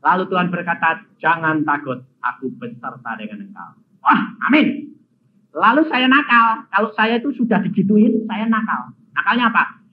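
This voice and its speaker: Dramatic preacher man, lively pitch. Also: normal speed, a little hiss or hum. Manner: dramatic, swings between shouting and hushed. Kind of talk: sermon. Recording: dull lo-fi with faint ambience.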